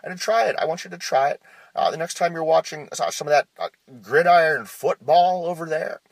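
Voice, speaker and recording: A man's voice: fairly high pitch, fairly quick, gravelly, no echo. A man voicing a nervous, quirky male publisher who rambles and stammers through a phone voicemail message. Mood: nervous rambling. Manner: hesitant, stammering, full of uh's, oddly deadpan rambling. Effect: played back as a phone voicemail message.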